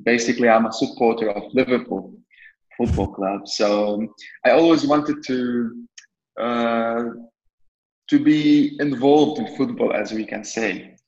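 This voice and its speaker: A man's voice: mid-range voice, lo-fi sound. A man in his twenties from Lebanon, a podcast guest answering questions casually, rambling with many restarts and fillers. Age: 20s.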